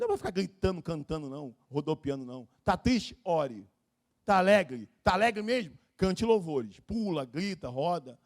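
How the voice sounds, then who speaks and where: A man preaching a sermon as pastor at a live church service, swinging from low confiding talk to shouted pleas.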